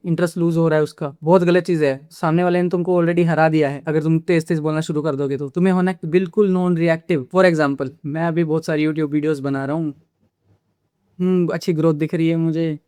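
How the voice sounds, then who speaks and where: A man's voice: fairly high pitch, a little mellow, clean tone, no room sound, studio quality. A man who makes communication-skills videos, lecturing the viewer directly and casually, dropping English phrases into his talk. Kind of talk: casual instructional talk to camera.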